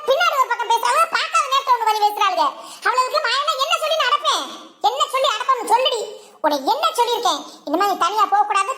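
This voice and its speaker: A woman voicing a strict, shrill middle-aged village mother who scolds her daughter in a cartoon. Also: reverberant, background noise. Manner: shouting and scolding.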